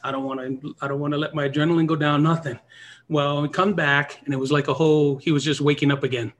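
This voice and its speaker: A man telling pool gambling stories in a casual chat, full of "you know" fillers and acted-out lines from other people. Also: fast. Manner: animated, acts out other people's lines in a high voice. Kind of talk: casual storytelling.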